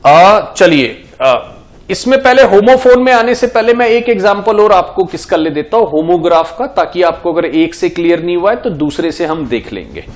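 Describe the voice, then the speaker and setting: A man's voice: high-pitched, expressive, normal speed. A man with an Indian accent teaching an exam-prep lesson at a board, asking his class questions and answering them himself, switching between Hindi and English.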